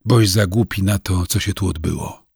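A man voicing a stern, secretive old village witch who talks curtly in folksy rustic speech, with a raspy, gravelly voice. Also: low voice, normal speed, darkish tone, no room sound, clean studio sound, heavily acted.

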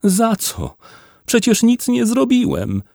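A man voicing a poor, timid village man who pleads and cries in a high whine. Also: huge pitch swings, a little slow, dark tone, no echo, clean studio sound, heavily acted. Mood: pleading. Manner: high whining voice, pleading and sobbing.

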